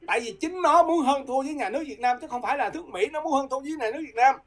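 A woman's voice: sits high, very fast. A woman from Vietnam, a guest talking politics in a heated, combative way and repeatedly challenging her listeners.

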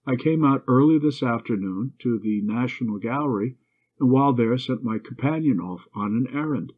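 Man reading the part of a proud young lady, refined and a touch condescending, a little brighter than the narration but still his own voice; the recording is muffled and lo-fi. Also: mid-range voice, moderate pace, lightly acted. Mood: haughty. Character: haughty refined young woman, spirited. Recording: dull lo-fi recording.

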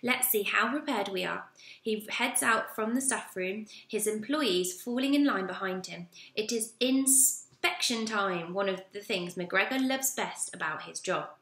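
A woman reading a children's storybook aloud in a lively, expressive way. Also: medium pitch, measured pace, few pauses. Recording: roomy echo.

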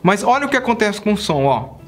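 A man's voice: high voice, big pitch swings, quick pace, fairly bright tone. A man, teaching saxophone in a casual video lesson, chatty and constantly checking in with the viewer. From Brazil. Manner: chatty, checks in often with "tá?" and "cara".

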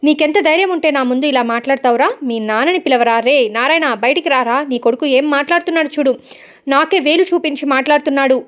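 A woman's voice: sits high, fast talker, a bit bright. A woman reading as a spiteful older aunt. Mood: angry. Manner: taunting, scolding.

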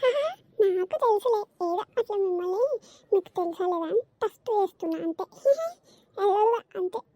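A woman's voice: very high voice, moderate pace, dark tone, dry recording. A woman voicing a grumpy, suspicious old mother-in-law in a cartoon, who scolds, complains and nags. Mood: boastful.

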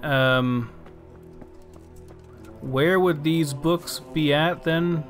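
A man's voice: on the high side, drawn-out words, faint music behind. A man giving casual let's play commentary, hesitant and thinking aloud.

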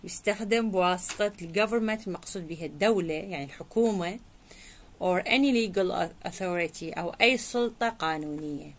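A woman English teacher with an Iraqi Arabic accent, working through exam answers. She reads English definitions slowly and then explains them in Arabic. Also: medium pitch.

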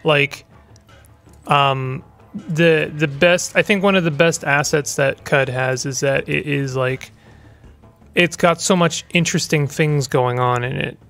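Man, let's play commentary, rambling and chatty, higher voice, faint game music behind. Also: unhurried, gravelly, a bit bright. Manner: rambling, chatty, stumbling restarts. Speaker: gaming channel host.

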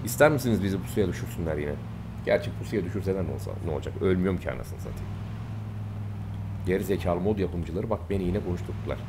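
A young man commenting casually on a game he plays, brash and excitable, swearing often. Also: low voice, quick pace, background noise. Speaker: gaming YouTuber. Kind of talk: Let's Play commentary.

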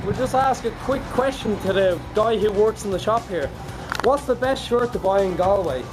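A man's voice: high-pitched, animated, moderate pace, low-quality recording. A young man with an Irish accent, vlogging casually and interviewing passers-by in a boisterous, sweary, slangy way. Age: young adult. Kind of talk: casual street vlog chat, quizzing passers-by. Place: busy shopping streets, pub and shops. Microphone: phone at arm's length. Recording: handheld phone recording with music and crowd noise. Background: music, crowd, street traffic.

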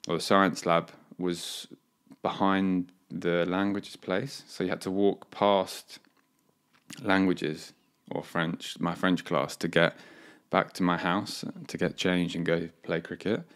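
Young English male podcast guest, deep and low, easygoing, rambling storyteller. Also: flat delivery, slow, a bit bright. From England. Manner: laid-back, rambling, laughs while telling stories. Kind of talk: casual storytelling chat.

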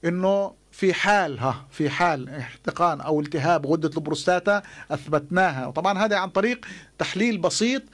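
A man's voice: a little high, fast talker. A middle-aged man with a Palestinian Arabic accent, explaining emphatically as a doctor in a radio interview, often repeating his words. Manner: emphatic, repeats words, acts out patients' questions. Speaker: doctor, studio guest. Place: small radio studio, indoors. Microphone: desk studio microphone.

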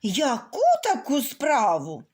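Hungry vixen from a fairy tale, sly, wheedling, slow and drawn out, voiced by a woman. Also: fairly high pitch, big pitch swings. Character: sly hungry female fox.

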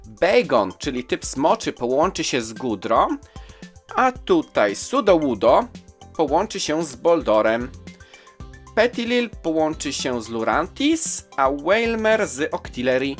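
Lively host reading aloud. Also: mid-range voice, unhurried, soft background music. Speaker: collector channel host.

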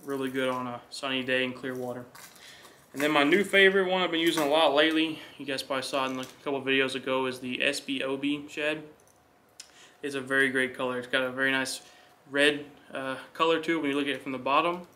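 A young man co-hosting a fishing channel, explaining technique in a quick, relaxed way with filler words. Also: mid-range voice. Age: young adult. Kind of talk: casual gear talk to camera. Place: indoor living room.

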